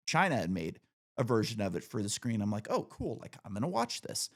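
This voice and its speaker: A man's voice: on the low side, wildly swooping pitch, a little fast. A man in his thirties hosting a casual podcast conversation, chatty and opinionated, leaning on "like" and "you know". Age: 30s. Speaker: podcast host.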